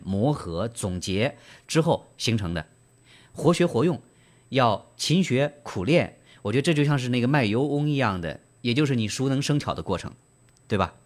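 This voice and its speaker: Man, book club host, trained broadcaster's Mandarin, animated pitch, gentle with fillers. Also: normal speed. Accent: standard Mandarin, broadcast-trained. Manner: gentle storyteller, asks listeners rhetorical questions; frequent hesitation fillers. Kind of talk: book reading and discussion.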